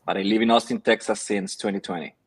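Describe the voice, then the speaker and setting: Low-voiced man. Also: steady tone, quick pace, slight background noise, low-quality recording. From Chile. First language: Spanish. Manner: thoughtful, hesitant with many fillers. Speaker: guest, company founder. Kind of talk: casual interview answers. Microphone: video call.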